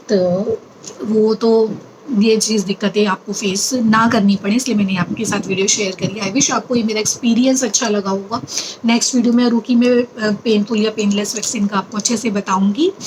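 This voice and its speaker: A woman's voice: mid-range voice, background noise. A young woman vlogger telling a personal story in a chatty, earnest way, mixing in English words. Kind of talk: casual storytelling to camera.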